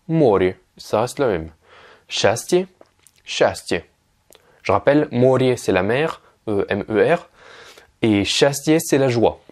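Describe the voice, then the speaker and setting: A man's voice: medium pitch, a little mellow. Young male tutor, online lesson, talks it through with frequent fillers and restarts. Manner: explains step by step with many fillers and self-corrections. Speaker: language teacher.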